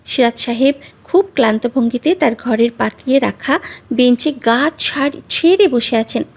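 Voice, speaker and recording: A woman with a high voice reads a romantic story aloud in a measured, expressive way. Her scripted narration moves steadily from scene to scene. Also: vocal fry.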